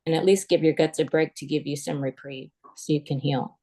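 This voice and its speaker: Lower-voiced woman giving friendly advice. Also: steady tone, brisk, mellow. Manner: helpful, matter-of-fact. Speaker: group member. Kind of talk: casual advice in an online group.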